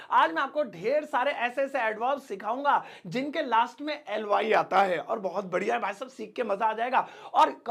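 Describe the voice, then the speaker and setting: A man's voice: extremely high pitch, creaky, a bit bright. A young man teaching English grammar in a casual, joking way, stretching out the example words. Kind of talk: casual video lesson.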